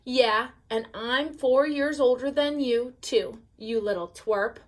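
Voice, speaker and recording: A woman putting on a smug older boy from a storybook who sneers and hisses his taunts in a low voice. He drawls his words slowly. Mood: sneering.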